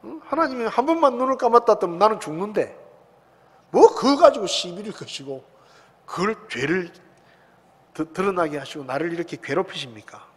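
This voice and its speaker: A man's voice: sits high, expressive, normal speed, husky, long reverb tail. A man preacher acting out a suffering man who protests and questions God in indignant complaint. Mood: indignant pleading.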